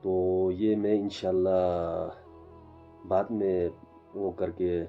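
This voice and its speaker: Man, low and level, self-taught religious lecturer, halting with fillers, dull lo-fi audio, faint music under. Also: little pitch movement. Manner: halting, with frequent fillers and restarts. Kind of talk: informal religious lecture vlog.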